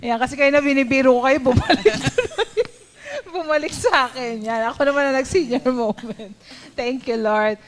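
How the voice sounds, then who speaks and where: A woman's voice: high voice, moderate pace, a little hiss or hum. A woman co-hosting a church program, teasing her guests and laughing often. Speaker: co-host. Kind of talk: casual church program chat.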